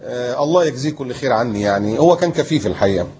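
Fast-talking Egyptian man in his fifties. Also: medium pitch, highs cut off, slight background noise. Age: 50s. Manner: lively storyteller who acts out remembered talk. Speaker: preacher and guest. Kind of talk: storytelling in a TV interview.

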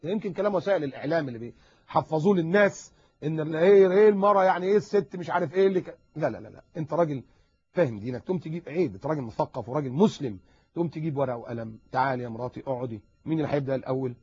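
A man with an Egyptian accent giving a lively religious advice lecture, talking animatedly and acting out little dialogues. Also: on the high side, breathy edge, no echo. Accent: Egyptian Arabic. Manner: animated, acts out dialogues, rapid repetitions. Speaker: preacher. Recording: dull lo-fi recording.

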